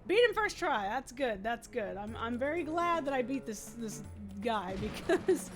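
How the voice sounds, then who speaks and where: A woman chatting casually through a video game playthrough, excitable and quick to shriek or laugh at what happens on screen. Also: on the high side, over music. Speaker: gamer playing through a game. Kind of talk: casual let's play commentary.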